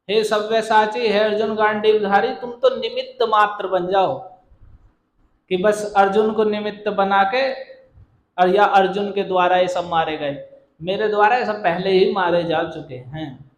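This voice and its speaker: A man's voice: sits high, echoey room. A man giving a devotional sermon, chanting Sanskrit verses and then explaining them, repeating and rephrasing each point. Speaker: temple preacher. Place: temple hall.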